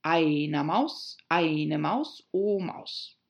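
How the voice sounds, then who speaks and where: A woman's voice: low-pitched, animated, drawn-out words, gravelly, exaggerated voice. A woman voicing an eager, polite young girl who chatters on apologetically.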